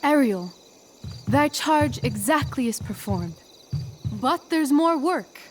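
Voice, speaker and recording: A woman playing a poised, persuasive teenage girl who acts on stage in a video game, with a measured theatrical manner. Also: high voice, lively intonation, slight background noise. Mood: stately, stern. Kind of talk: video game acting, Shakespearean stage delivery.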